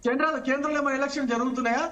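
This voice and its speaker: A man with a Telangana accent arguing in a heated TV news debate, combative and rapid-fire, hammering the same accusations again and again. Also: very high-pitched, fairly even intonation, lo-fi sound, over a noisy crowd. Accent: Telangana Telugu. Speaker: debate panelist.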